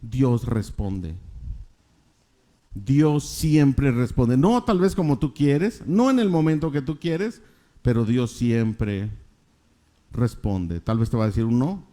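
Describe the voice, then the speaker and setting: Male preacher, middle-aged, mellow tone, emphatic repetition of key phrases. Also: medium pitch, slow. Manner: questions the congregation, repeats key phrases emphatically. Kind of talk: sermon.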